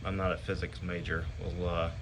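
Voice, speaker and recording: A man's voice: low-pitched, level tone, moderate pace, noisy background. A man giving a casual step-by-step how-to while working on his van. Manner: plain, practical, explaining step by step. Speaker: DIY van builder.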